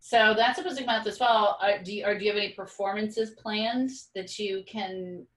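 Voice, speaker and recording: A woman's voice: medium pitch, fairly even intonation, a little fast, distant mic. Curious woman host in a roomy room. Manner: friendly, curious questions. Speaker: host, interviewer. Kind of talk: casual video-call interview. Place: home room with bookshelf. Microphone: video call webcam. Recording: roomy video-call audio.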